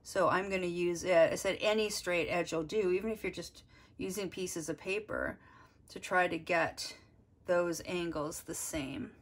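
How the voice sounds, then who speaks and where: Seated at a desk under an overhead camera aimed at her drawing, a woman art teacher gives a step-by-step lesson. Her voice is fairly low and unhurried as she explains her work and thinks aloud.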